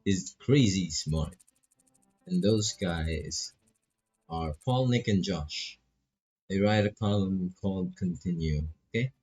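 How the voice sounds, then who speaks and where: This Filipino-accented man takes it slowly as he streams a visual novel, reading dialogue casually and slipping in jokes. His low voice is husky and a little mellow, set against background music.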